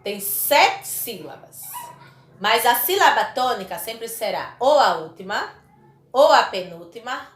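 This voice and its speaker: Slow, lively Brazilian teacher woman. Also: fairly high pitch, echoey room. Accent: Brazilian Portuguese. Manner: slow, exaggerated pronunciation of syllables for young pupils. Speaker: primary school teacher. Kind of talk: recorded classroom lesson for children.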